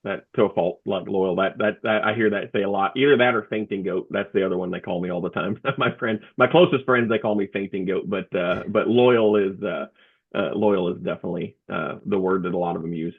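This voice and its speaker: A man talking as an interview guest, a comedian and motivational speaker, telling his story in a halting way with many restarts over a remote call. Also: low-pitched, steady tone, creaky, husky. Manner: halting, with frequent restarts and fillers. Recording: tinny phone-like remote line.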